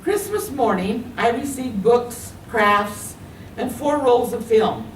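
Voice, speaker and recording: An older American writer reads a personal story of her own aloud, expressively, during a public reading in a library room. She speaks slowly in a voice on the high side. The mic is distant, the room echoey, and faint noise is present.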